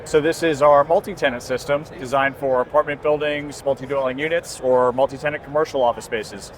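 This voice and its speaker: A man with a medium-pitched, steady voice speaks a little fast while presenting a product for his company at a busy indoor trade show booth. His demo is conversational and explanatory, with constant floor noise and exhibition hall ambience behind him.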